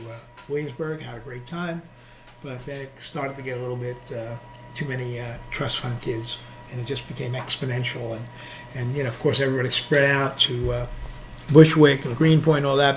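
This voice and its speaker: A man's voice: mid-range voice, steady tone, a little fast. Echoey New York man chatting casually. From Queens, New York. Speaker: interview guest, nightlife veteran. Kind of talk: casual chat. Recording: roomy echo, clearly noisy ambience.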